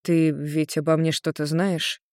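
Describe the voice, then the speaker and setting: A narrator voicing a confused blond male demon who speaks softly and wryly. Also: mid-range voice, flat delivery, a little slow, dry recording, clean studio sound, natural voice. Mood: puzzled.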